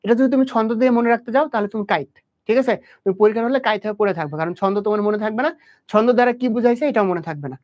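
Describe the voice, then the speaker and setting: Speaking rapid-fire in a high, darkish voice, a young man tutors biology for an exam. He addresses the student head-on and keeps quizzing, answering his own questions. Audio quality is dull lo-fi.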